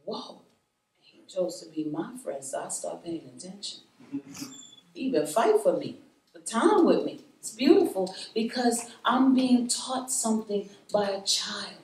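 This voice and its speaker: A woman speaking to a live roundtable group, animated and preachy, laughing often and calling out to her audience. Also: medium pitch, measured pace, a little hiss or hum. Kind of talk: spirited talk to a live group. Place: meeting room with an audience. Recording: echoey room, voice from far off.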